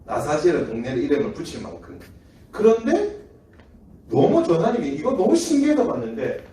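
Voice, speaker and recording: Male children's preacher, Gyeongsang accent, animated and mellow, echoey distant hall sound. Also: on the high side, fairly quick, slight background noise. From Daegu. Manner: lively, acts out quoted voices, laughs often. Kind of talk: children's sermon with storytelling. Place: church hall.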